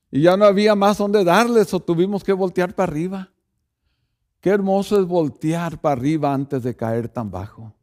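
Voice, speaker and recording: A man's voice: sits high, a little mellow. A man, a pastor, preaching a sermon and speaking directly to the congregation, often checking in with rhetorical asides.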